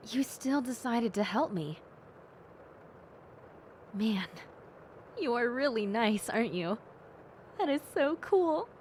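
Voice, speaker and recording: A woman with a slightly high voice performs a timid, excitable young bat-girl hybrid for a roleplay audio drama. The character is polite and effusive, dropping hesitant little exclamations, and a bit of background noise can be heard.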